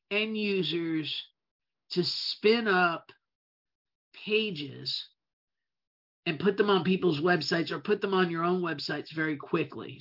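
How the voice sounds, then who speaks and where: Drawing out key words for emphasis and often beginning phrases again, a speaker whose mother tongue is Italian talks casually about running a web business. The voice is mid-range. It's captured in a dull, lo-fi recording.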